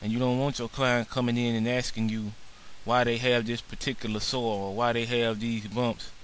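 A man's voice: medium pitch, flat delivery, moderate pace, a bit bright, slight background noise, poor audio. A man narrating a slideshow lesson on barbershop sanitation in an earnest way, with many filler words. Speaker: barber instructor.

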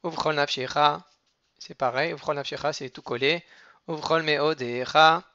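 A man giving a cantillation lesson, chanting verses slowly and then explaining each word with careful repetitions. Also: on the high side, steady tone, pushed and bright, dry recording, dull audio. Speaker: teacher of Torah reading.

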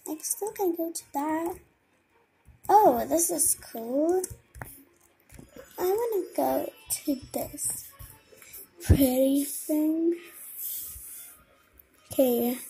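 Thinking aloud in a childlike murmur, a young gamer offers casual commentary on her game. Her voice sits high and sounds gravelly yet a little mellow. The rough recording was made indoors at a computer, with a camera filming the screen.

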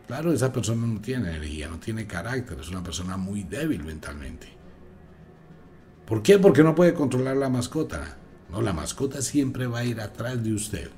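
A man giving an emphatic, preachy radio talk as host, moving between loud and hushed delivery. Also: lowish voice, very animated, normal speed, soft background music. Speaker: radio host, magic teacher.

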